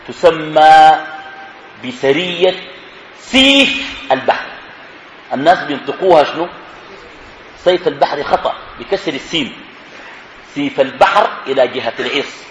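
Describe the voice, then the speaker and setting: A man's voice: fairly high pitch, a bit bright, slight background noise. A man teaching religious history, asking his listeners questions and then answering them himself. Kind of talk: lecture on prophetic history. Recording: echoey room.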